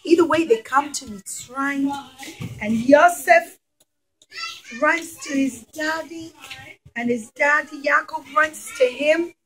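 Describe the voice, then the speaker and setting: A middle-aged preschool teacher tells a story to young children indoors in a classroom, using simple, emphatic, repetitive phrases. Her voice is high, slow and a bit bright, and the recording is rough.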